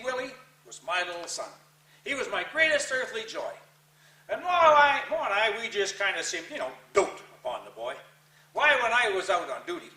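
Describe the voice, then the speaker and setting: Animated cowboy storyteller with a folksy twang. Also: male voice, sits high. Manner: theatrical, with drawn-out emphasis and dramatic pauses. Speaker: cowboy poet reciting a narrative poem. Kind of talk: dramatic storytelling recitation of rhyming verse. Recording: roomy echo, distant microphone.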